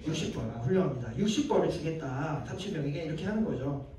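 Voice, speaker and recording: Here a pastor addresses a young adults gathering in a fairly high, animated voice that is dark in color and rapid in delivery. His style is casual, peppered with questions to the audience and dramatized quotations. The microphone sits at a distance in an echoing space.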